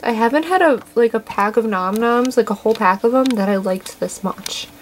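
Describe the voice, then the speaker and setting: A young woman hosting a casual toy unboxing, gushing and excitable, always saying how cute things are. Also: a little high, normal speed, a little hiss or hum.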